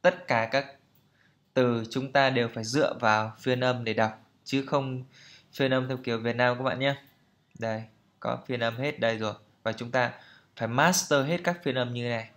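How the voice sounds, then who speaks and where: A man's voice: medium pitch, fairly even intonation, moderate pace, a bit bright. A man teaching English pronunciation, repeating each word several times and then patiently explaining how to say it. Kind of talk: pronunciation lesson.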